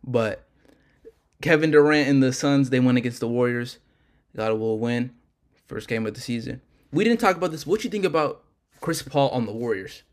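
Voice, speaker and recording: A man's voice: medium pitch, expressive, normal speed. A man co-hosting a casual sports podcast, rambling and correcting himself as he talks. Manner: loose, rambling, self-correcting. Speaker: podcast co-host.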